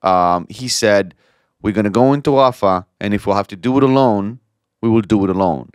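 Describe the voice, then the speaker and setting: A man with an Israeli accent co-hosting a casual podcast, animated and quick to mimic others in quoted voices. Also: lowish voice, no room sound, clean studio sound. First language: Hebrew. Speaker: podcast co-host.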